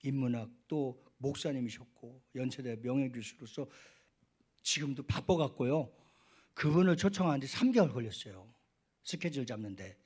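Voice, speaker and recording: A middle-aged man, a pastor, preaching a sermon in a church, swinging between quiet asides and loud, high, fervent peaks. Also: animated, normal speed, husky. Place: church sanctuary.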